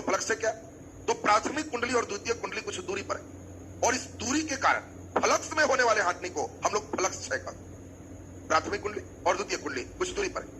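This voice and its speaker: Bright high-voiced man teaching a class. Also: slight background noise, rough recording. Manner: repeats key terms and quizzes the class. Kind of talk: exam coaching lecture.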